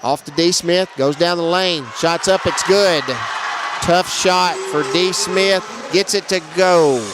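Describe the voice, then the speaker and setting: A man doing live play-by-play commentary on a basketball game, brisk and matter-of-fact, raising his voice on big plays. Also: sits high, background noise. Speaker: play-by-play announcer.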